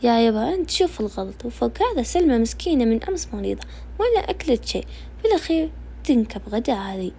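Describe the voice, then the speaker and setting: A woman's voice: fairly high pitch, sing-song, quick pace, dark tone, slightly rough, heavily acted. A woman voicing a teasing, protective young Najdi man in a family story. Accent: Najdi Saudi.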